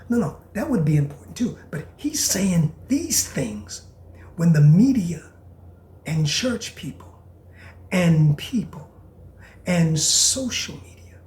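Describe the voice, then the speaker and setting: A man hosting a podcast in a preacher's style, reading aloud and commenting with emphatic repetition and sudden hushed whispers. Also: on the high side, roomy sound, a little hiss or hum. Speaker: podcast host.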